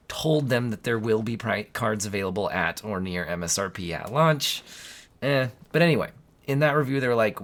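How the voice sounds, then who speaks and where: A man hoarse with a cold, talking casually through a spoken tech review, often stammering and restarting his sentences. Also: on the low side, fairly bright tone. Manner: rambling, self-correcting, stammering restarts. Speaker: tech channel host. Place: home studio with green screen.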